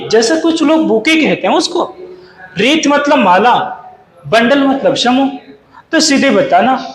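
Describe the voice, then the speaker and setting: High-voiced male teacher, sing-song quizzing. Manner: sing-song quizzing, mixes Hindi and English words. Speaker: English teacher. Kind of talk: exam-prep lesson going through slides. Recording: echoey room with faint noise.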